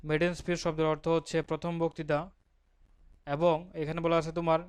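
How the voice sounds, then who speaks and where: A man with a Bangladeshi Bengali accent, his voice a touch high and smooth, teaches an exam-prep grammar lesson, asking and answering his own questions as he goes. He reads the English example sentences out slowly. The sound is dry and close. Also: no room sound.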